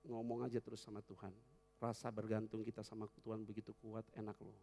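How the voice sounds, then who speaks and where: A pastor preaching a sermon in church, swinging between fervent loud passages and hushed, prayerful ones. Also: male voice, fairly low pitch, completely flat delivery, quick pace, gravelly, long reverb tail, a little hiss or hum.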